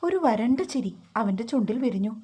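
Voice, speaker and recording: Husky woman narrating a story. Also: on the high side, animated, a little fast, mellow.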